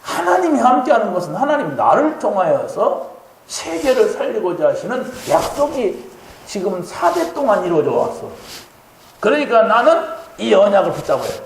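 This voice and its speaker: High, lively male preacher in echoing church. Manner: conversational, keeps asking the congregation questions. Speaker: pastor. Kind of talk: sermon. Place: church sanctuary. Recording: heavy church-hall echo, faint hum.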